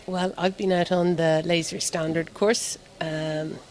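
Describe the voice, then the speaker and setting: A middle-aged woman telling stories in a warm, rambling way during a casual interview. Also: fairly low pitch, little pitch movement, a little slow, low-quality recording. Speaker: volunteer at the event.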